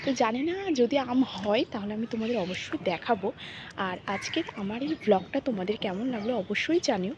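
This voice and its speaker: A woman's voice: mid-range voice, expressive, quick pace, lo-fi sound. A young woman vlogging outdoors in a garden, chatting to her viewers while filming on a phone and often asking whether they can see. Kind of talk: casual vlog talk to viewers. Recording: outdoor phone audio with background noise.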